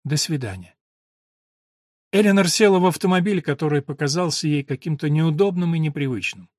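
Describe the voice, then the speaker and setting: A man reading an audiobook in scripted narration, measured and even, recorded on a close studio mic. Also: fairly high pitch, no echo.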